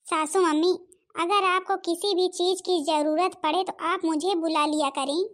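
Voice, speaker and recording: A woman's voice: very high-pitched, moderate pace. Woman voicing a sly, sugary daughter-in-law. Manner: sugary, flattering. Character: sly young daughter-in-law, sweetly scheming. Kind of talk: Hindi cartoon voice acting.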